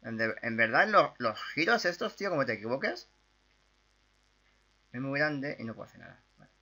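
A young man from Spain with a Spanish accent, chatting his way through a video game with excitable outbursts and repeated words. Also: medium pitch, brisk. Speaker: gaming YouTuber. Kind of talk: casual gameplay commentary.

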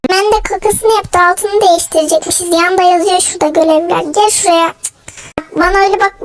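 A young woman giving loud, excitable gameplay commentary, shouting mock threats at an in-game character. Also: very high voice, fairly quick, noisy background. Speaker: gaming YouTuber.

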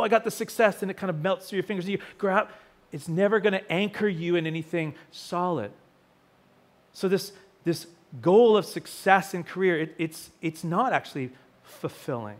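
A pastor with a sore, hoarse throat preaches a sermon from a lectern to a small seated congregation in a church hall, his voice pitched a little high for a man. While telling a story he slips into animated quoted voices, then settles back into plainer teaching. The sound comes from a lectern mic and a far camera.

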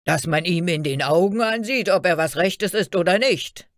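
A woman voicing a group of harsh old male guards who bark loudly and mock. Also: mid-range voice, slow, no room sound, clean studio sound, pitched above the performer's own voice, close to an everyday voice. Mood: scornful shouting. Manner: loud, harsh and mocking. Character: gruff shouting old male gate guards.

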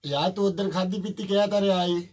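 Man as a taunting prank caller, fast and high, heard off-mic. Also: recorded from a distance. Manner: calm and taunting. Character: pretend male caller, blunt and taunting.

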